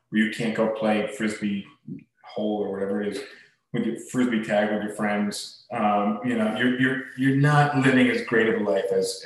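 A male podcast host chatting in a casual, opinionated and blunt way in an empty room that echoes like a cave. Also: lowish voice. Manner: blunt, swearing.

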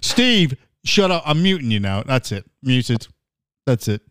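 A man's voice: medium pitch, sing-song, unhurried, a bit bright, clean tone, dry recording, studio quality. A man hosting a casual chat show, bantering and steering the talk between segments. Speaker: podcast host.

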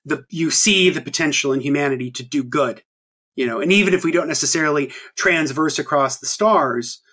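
This thirty-something man hosts a podcast, talking casually and drifting around with many ums and restarts. His voice is a little high and sharp in tone, and he speaks fairly quickly.

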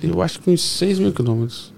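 A man guest on a podcast, explaining his travels in a relaxed, rambling way. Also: on the high side, a little fast, gravelly, slight background noise. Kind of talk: casual podcast chat. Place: podcast studio.

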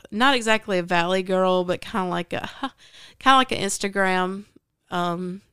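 A woman's voice: medium pitch, measured pace, bright, forceful tone, clean tone, dry recording, studio quality. A woman with a Southern US accent hosting a casual book chat, retelling a story in a rambling way with many fillers. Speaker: podcast host.

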